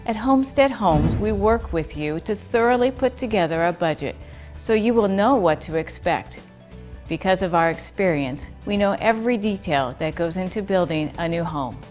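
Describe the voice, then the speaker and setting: A woman's voice: lowish voice, lively intonation, normal speed, a little mellow, faint music behind. A woman reading scripted promotional narration as the narrator of an infomercial.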